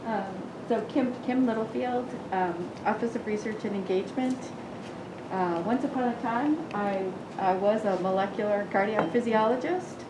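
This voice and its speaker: A middle-aged woman who works in a research office, introducing herself at a workshop in a measured, drawn-out way. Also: mid-range voice. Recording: echoey room with background noise.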